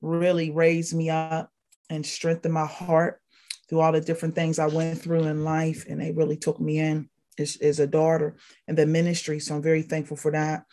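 A podcast guest from Pittsburgh, Pennsylvania, this woman has a low, mellow, monotone voice at normal speed. She gives casual spoken testimony, rambling with lots of fillers and repeated phrases.

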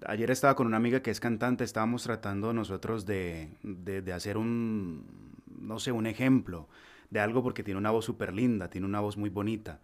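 Lively man telling stories. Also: on the low side, fairly quick. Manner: animated storyteller, acts out quoted voices. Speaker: voice-over artist guest. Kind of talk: casual podcast chat.

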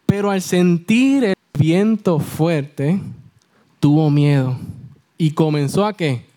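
Young Puerto Rican male youth preacher, mellow voice pitched a bit high, animated storyteller who keeps asking his congregation questions. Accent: Puerto Rican Spanish. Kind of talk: sermon.

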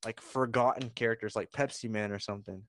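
A man's voice: fairly low pitch, fairly even intonation, fast, fairly bright tone, slight background noise. A man co-hosting a casual podcast chat, laid-back and rambling, often ending lines with "man". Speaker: podcast co-host.

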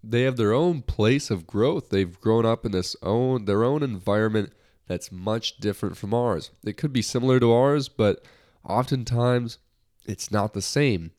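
With a darkish voice on the low side and a pace that is a little slow, a young American man hosts his own casual podcast. He rambles lightheartedly and restarts a lot, slightly nasal because of a recent cold.

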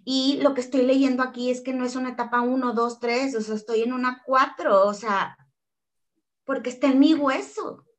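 A woman's voice: high-pitched, fairly even intonation, normal speed. A woman with a Mexican accent telling an interviewer a personal story in an earnest, emotional way, often acting out what others said. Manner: earnest, emotional retelling that acts out quoted dialogue. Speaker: interview guest.

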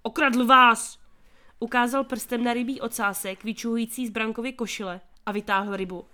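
A woman reading a children's story aloud as narrator, giving the characters' shouts strong emphasis. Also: on the high side, fairly even intonation. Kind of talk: audiobook reading of a children's novel.

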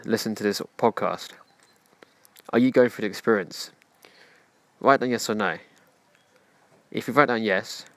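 This self-help podcast host speaks earnestly and a bit preachily, addressing the listener directly. His voice sits on the low side with a fairly bright tone, and there's no room sound.

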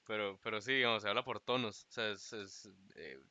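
Bright, slangy Costa Rican man. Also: on the low side, fairly even intonation, a little fast, no room sound, lo-fi sound. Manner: loose, slangy, often laughing mid-sentence. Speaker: podcast co-host. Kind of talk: casual chat.

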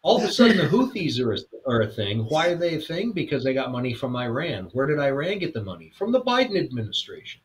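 A man's voice: medium pitch, big pitch swings, quick pace, few pauses, rough recording. Exasperated man on a political podcast. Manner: exasperated, rhetorical questions, joking. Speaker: podcast co-host. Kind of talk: casual political chat.

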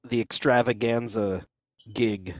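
A man's voice: on the low side, steady tone, slow. A man hosting a casual chat, laughing often and acting out the voices he quotes.

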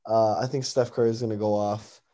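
Mellow-voiced young American man talking sports. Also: on the low side, level tone, fairly quick. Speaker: sports talk co-host. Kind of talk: casual sports prediction chat.

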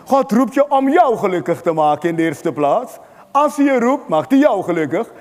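A man preaching a fervent sermon, calling for amens from the congregation and building to shouts. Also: high-pitched, big pitch swings, normal speed, in a large hall. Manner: fervent, rises to shouting at climaxes.

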